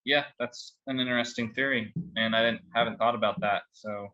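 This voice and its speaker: A man's voice: mid-range voice, steady tone, brisk, sharp tone. A man hosting a podcast in casual chat, giving brief agreeable replies, on a dull lo-fi mic. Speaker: podcast host.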